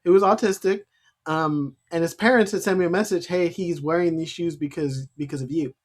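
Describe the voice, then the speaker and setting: A man co-hosting a podcast as a special education teacher, chatting casually and laughing often. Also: on the high side. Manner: laughs often, quick chatty delivery with restarts.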